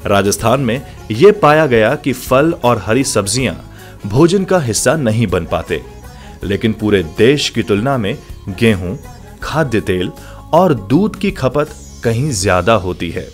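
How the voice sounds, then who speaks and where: A man narrates a documentary in a formal, measured way, with his pitch rising and falling in a lively arc. Soft guitar music plays faintly beneath his voice. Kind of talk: scripted narration.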